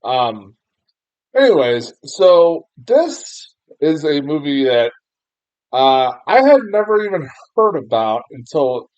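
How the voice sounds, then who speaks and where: A young American man, a native English speaker, rambles through a casual film review full of fillers and restarts, laughing at himself and swearing mildly. His voice is on the high side, sing-song, slow, and a little mellow, and the dry, echo-free recording sounds dull and muffled lo-fi.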